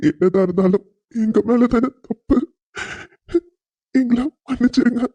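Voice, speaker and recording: A humble middle-aged father in a cartoon, earnest and apologetic. His voice is high yet very dark and husky, on a dry, somewhat dull lo-fi recording. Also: a little slow, no echo. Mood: pleading. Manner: pleading, apologetic. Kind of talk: cartoon voice acting.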